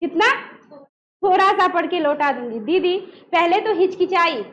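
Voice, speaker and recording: Female teacher, very high voice, drilling students with rhetorical questions, dull lo-fi audio. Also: animated, moderate pace, a little hiss or hum. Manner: asks the class questions and answers them herself; repeats key words to drill them. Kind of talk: explaining a Hindi textbook lesson. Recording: dull lo-fi recording.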